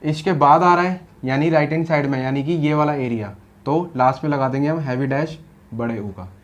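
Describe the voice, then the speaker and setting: Male shorthand teacher, step-by-step lesson, rhetorical checks, muffled low-fidelity audio. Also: brisk. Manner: explains step by step with rhetorical questions; mixes Hindi with English terms. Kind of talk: classroom-style lesson explanation.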